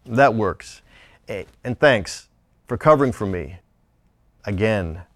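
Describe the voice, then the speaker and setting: A man's voice: on the low side, animated, slow, a bit bright, faint music behind. An actor playing a male coworker in a workplace role-play scene, with a plain everyday delivery. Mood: apologetic. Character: male coworker asking a favor. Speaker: actor in a training video.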